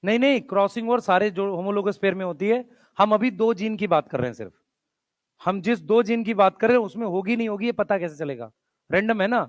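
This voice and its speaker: High-voiced man teaching a class, dry sound. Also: lively intonation, no room sound. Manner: addresses students as beta, mixes English terms, prods them to write fast. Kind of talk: classroom lecture.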